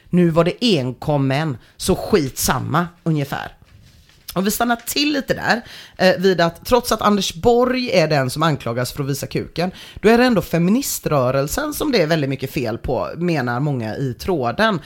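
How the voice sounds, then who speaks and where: Brief: podcast host, animated delivery, sarcastic and laughing often, casual comedic reading of forum posts. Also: medium pitch. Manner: dry, sarcastic commentary with frequent laughter.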